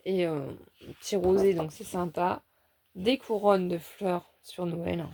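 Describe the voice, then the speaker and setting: A woman's voice: fairly low pitch, fairly even intonation, unhurried, creaky, warm tone. Chatty woman showing off a craft haul. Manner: chatty, enthusiastic, fond of little words like "petite" and "hein". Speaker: scrapbooking haul vlogger. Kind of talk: casual show-and-tell haul.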